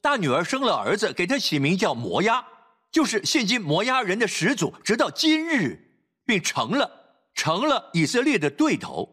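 Husky, lively-voiced male preacher. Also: moderate pace. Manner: preaching with sharp swings between loud exhortation and low quiet asides. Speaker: pastor. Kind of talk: sermon.

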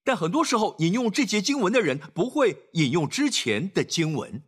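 A man preaching a sermon emphatically, often pausing on filler sounds and dropping in "Amen.". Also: sits high, big pitch swings, breathy edge.

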